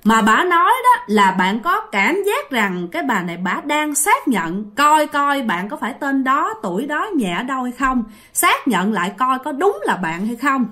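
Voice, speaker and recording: A woman's voice: high voice, big pitch swings, moderate pace, few pauses, pushed and bright. A woman telling a ghost story in a chatty style, addressing listeners directly. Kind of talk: casual ghost story narration.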